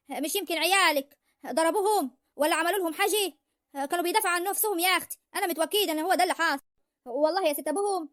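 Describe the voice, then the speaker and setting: امرأة تؤدي دور حماة ريفية مشاكسة بلهجة ريفية مصرية، تتكلم بسرعة شديدة وبنبرة عالية لاذعة في اسكتش كوميدي. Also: female voice, extremely high pitch, fairly bright tone, no room sound, studio quality. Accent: rural Egyptian. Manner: scolding, argumentative, fast. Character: sharp-tongued rural mother of the brides. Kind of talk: comic village sketch.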